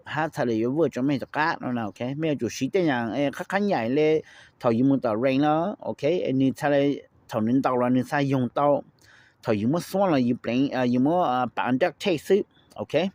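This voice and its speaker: A man's voice: mid-range voice, a little mellow, no room sound. Man, host, casual explainer, rambling, keeps asking "okay?", dry close-miked sound. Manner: rapid, rambling, keeps checking in with "okay?" and slips in English phrases. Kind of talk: casual explanatory talk to viewers.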